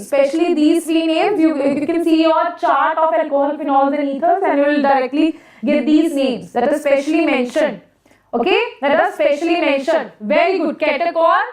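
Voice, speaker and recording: A woman with an Indian accent teaching a live exam-prep lesson, repeating phrases and questioning students, in a big echoing hall sound. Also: sits high. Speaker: online chemistry teacher. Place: echoing classroom, voice far from mic. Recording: echoey room, big hall echo, distant mic.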